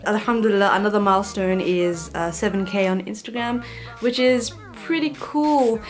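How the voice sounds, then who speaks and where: A young woman chats through a casual Q&A vlog, joking and adding lively asides as she goes. Her voice sits at an ordinary mid pitch for a woman. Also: normal speed, soft background music. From Bangladesh. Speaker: YouTuber.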